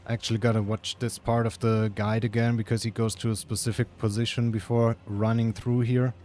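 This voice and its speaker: A man's voice: mid-range voice, flat delivery, fairly quick, warm tone. A man with a German accent giving casual, chatty commentary while gaming, saying "like" often and swearing freely. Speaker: streamer.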